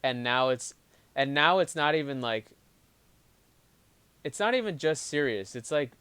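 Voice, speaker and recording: A man's voice: medium pitch, lively intonation, measured pace, sharp tone, smooth, no room sound. A man co-hosting a casual live-stream chat, reading viewer comments aloud and talking in restarts. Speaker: co-host.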